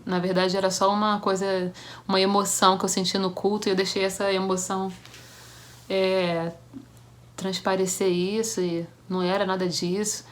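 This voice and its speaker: A woman's voice: medium pitch, slight background noise. Woman telling a church testimony. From Brazil. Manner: storytelling, acts out quoted voices, halting restarts. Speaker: church devotional speaker. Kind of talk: personal testimony.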